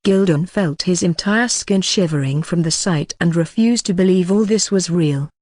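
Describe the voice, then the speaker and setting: A synthetic voice narrates a dark fantasy web novel in a steady, even reading. It sits at a middle pitch, and the sound is dry and close with no room around it. Some words come out mispronounced. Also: normal speed, dry recording. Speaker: audiobook narrator.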